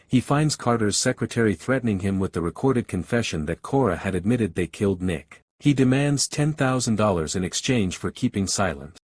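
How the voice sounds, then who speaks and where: Husky low-voiced man narrating a recap. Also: a little mellow, no echo. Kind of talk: scripted narration.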